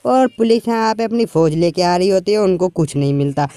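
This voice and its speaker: A man's voice: high voice, lively intonation, fairly quick, dark tone, clear, resonant tone, no echo. A man casually retelling a film's plot, quoting the characters' lines in plain colloquial speech. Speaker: movie recap YouTuber.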